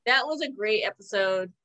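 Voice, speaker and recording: A woman's voice: fairly high pitch, pushed and bright, clean tone. A woman co-hosting a podcast, running through a list in casual chat with fillers. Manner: quick list-reading with fillers. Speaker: podcast co-host.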